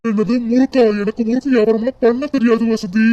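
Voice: mid-range voice, fairly even intonation, fast, dark tone, no room sound, muffled recording, natural voice. A performer voicing a remorseful, broke village husband in a cartoon, with a who whines and keeps repeating his wife's name. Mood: meek. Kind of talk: cartoon voice acting.

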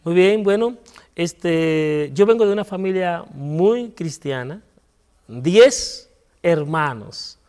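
High-voiced Dominican priest giving earnest testimony. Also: male voice, lively intonation, takes it slowly, clean tone, long reverb tail. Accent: Dominican Spanish. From Dominican Republic. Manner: earnest storytelling, voice sinking low and soft at painful moments. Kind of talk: personal testimony in a TV interview.

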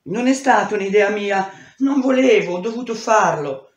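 A woman's voice: medium pitch, expressive, normal speed, echoey room, voice pushed up, lightly acted. A woman reading aloud, voicing a scared teenage boy who pleads and whines. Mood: pleading.

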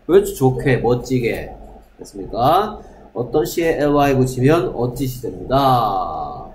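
A man's voice: mid-range voice, big pitch swings, takes it slowly, a little hiss or hum. A male English teacher who runs a class lesson, drilling words aloud and putting questions to his students.

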